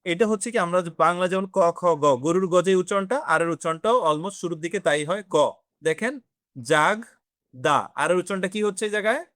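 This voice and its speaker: During a classroom lesson for French beginners, a man whose fairly bright voice sits high goes through the material slowly and step by step. He questions his students and mixes in some English. The sound is clean studio audio with no room sound.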